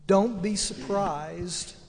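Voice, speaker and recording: Slow, high-voiced older man. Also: a little mellow, a little hiss or hum. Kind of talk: casual advice talk. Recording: long hall reverb.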